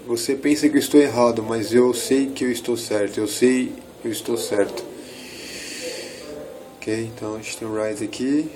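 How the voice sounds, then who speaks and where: A Brazilian man in his thirties gives a relaxed English lesson at a middle pitch. He drops into slow, careful reading of phrases, then speeds back up for quick explanations. Faint noise sits under the recording. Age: 30s. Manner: explains in quick asides, slows down to read English. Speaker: English teacher. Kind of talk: casual bilingual language lesson.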